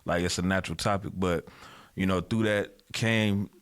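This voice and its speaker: Male co-creator guest, very low voice, rambling earnest casual talk. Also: steady tone, normal speed. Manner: rambling, earnest, many "you know"s. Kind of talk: casual podcast chat.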